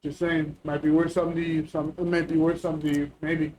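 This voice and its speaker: A man with a fairly high voice plays a tabletop game, speaking in character casually and tersely, repeating himself. There is faint noise behind him. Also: little pitch movement, fast talker, darkish tone.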